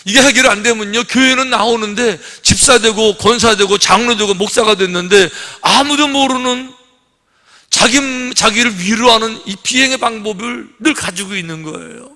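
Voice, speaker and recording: A man's voice: high-pitched, brisk, hardly any pauses, sharp tone. A male pastor preaching a sermon in a conversational style, full of rhetorical questions and little acted-out scenes. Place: church sanctuary. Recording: long reverb of a church hall.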